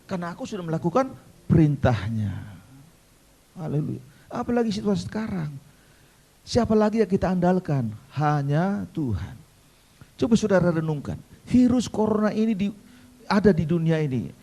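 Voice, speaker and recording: A man preaching an animated sermon, calling out to his congregation as their pastor. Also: sits high, moderate pace.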